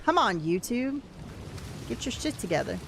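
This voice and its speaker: A woman's voice: on the high side, moderate pace. A woman chatting casually and informally as she livestreams a game, raising her voice a little to be heard, with some casual swearing. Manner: raises voice to talk over rain. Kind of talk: casual livestream chat while gaming. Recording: steady background noise, game rain ambience. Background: game audio with rain.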